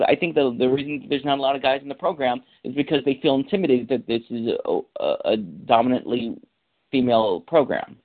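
Emphatic man on a tinny phone line. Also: medium pitch. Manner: street slang, emphatic, repeats himself. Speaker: speaker answering questions at a recovery meeting. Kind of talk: casual, animated advice.

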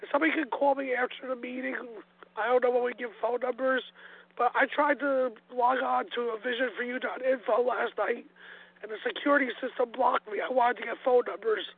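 A woman with a thick New Jersey accent and a congested smoker's rasp, sharing informally at a meeting and repeating words haltingly. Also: a little high, steady tone. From New Jersey, United States. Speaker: member sharing at a recovery meeting. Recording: tinny phone line with some noise.

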